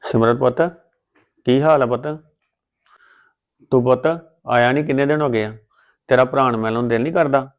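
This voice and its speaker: A gentle elder brother, played by a man with a mid-pitched voice, soothing and coaxing his sister. The sound is a little dull, as if the recording were muffled. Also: fairly even intonation, normal speed, pauses often, natural voice.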